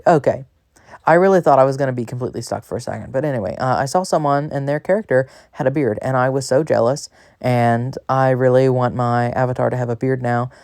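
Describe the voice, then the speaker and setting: Here a man who makes gaming videos offers loose, chatty commentary over gameplay, poking fun at himself and drifting off topic. His voice sits at medium pitch with a slightly mellow quality, recorded in studio quality with no echo.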